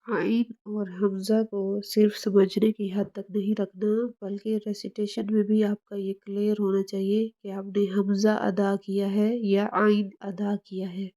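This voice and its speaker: A woman's voice: mid-range voice, little pitch movement, unhurried, hardly any pauses, dark tone. A woman teaching Quran recitation rules, explaining patiently and demonstrating each sound. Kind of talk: tajweed lesson.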